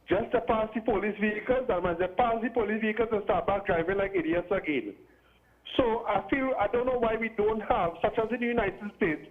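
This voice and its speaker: A man calling in to a talk show, his voice muffled and breaking up over the phone line as he asks his question deliberately, restarting and correcting himself. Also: sits high. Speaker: radio call-in caller.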